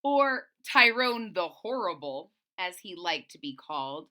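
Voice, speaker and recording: A woman with a lowish voice hosts a children's storybook reading aloud. She reads expressively, leaning on deliberate emphasis and adding explanatory asides.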